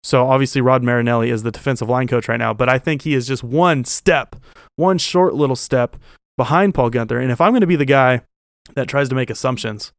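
In studio-quality audio without echo, a man in his twenties hosts a football fan show, offering blunt, emphatic, informal opinions sprinkled with mild slang swearing. His voice is mid-range and a little fast.

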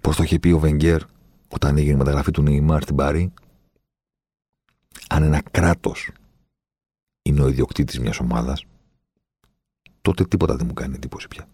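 A man hosting a football podcast, giving an indignant opinion monologue that climbs to loud, heated emphasis and calls his listeners "guys". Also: very deep voice, fairly even intonation, pauses often, slightly rough, no echo.

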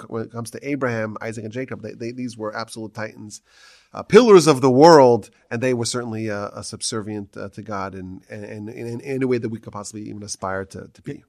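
A man hosting a religious podcast discussion, earnest and halting, with many restarts. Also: mid-range voice, no echo, clean studio sound. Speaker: rabbi podcast host.

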